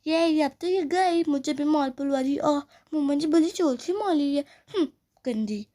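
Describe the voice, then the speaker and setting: A woman's voice: high voice, unhurried, mellow. A woman voicing a sneaky tattletale girl doll who schemes and talks asides to herself, in a doll play story. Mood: scheming.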